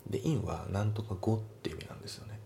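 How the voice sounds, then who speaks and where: Man, very low pitch, gravelly, dark tone, patient teacher, whispery asides, faint room hiss. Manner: patient, repeats pronunciations slowly, often trails into whispery asides. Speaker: English teacher. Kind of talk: explaining English listening test answers.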